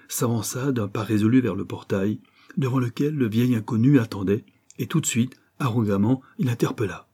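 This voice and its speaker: A man narrating a novel aloud in a measured, dramatic reading. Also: lowish voice, mellow, slightly rough. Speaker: audiobook narrator.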